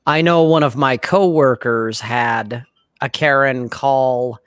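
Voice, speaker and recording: A man co-hosting a casual video-call show, talking in a laid-back, blunt way and often clearing his throat. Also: mid-range voice, takes it slowly, fairly bright tone, no room sound, studio quality. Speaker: podcast co-host. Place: home room, indoors.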